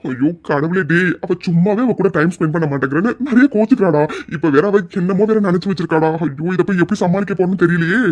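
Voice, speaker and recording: A man's voice: high voice, fast, hardly any pauses, darkish tone, lo-fi sound, natural voice. A man voicing a flustered henpecked husband. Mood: exasperated. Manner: flustered, whining exclamations. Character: harried young husband, fearful of his wife. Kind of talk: cartoon dubbing.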